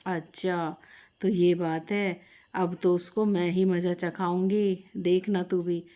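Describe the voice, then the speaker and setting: A woman doing a stern older mother-in-law, scolding, heavy, lowered voice, storybook tale. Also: little pitch movement, slow, dark tone. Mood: indignant. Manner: scolding, lower and heavier than the narration.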